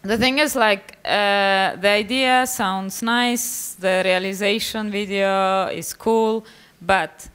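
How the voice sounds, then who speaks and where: Halting woman presenting. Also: medium pitch, steady tone, a bit bright, clean tone. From Estonia. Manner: halting, many fillers and restarts. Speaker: conference presenter, artist. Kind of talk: live conference talk.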